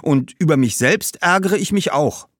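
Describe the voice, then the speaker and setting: A man's voice: on the high side, lively intonation, normal speed, fairly bright tone, no room sound, studio quality, voice pushed up. A man doing an eager, outspoken young girl. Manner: eager, exclamatory.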